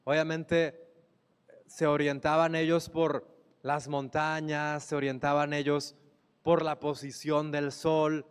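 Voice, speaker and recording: A man preaching a sermon as pastor, slow and emphatic, repeating phrases for weight. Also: on the high side, level tone, clean tone, big-room sound.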